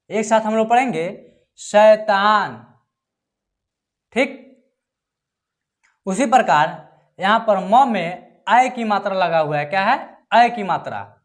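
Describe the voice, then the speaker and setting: A reading teacher in an online lesson, sounding out words syllable by syllable and quizzing viewers. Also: medium pitch.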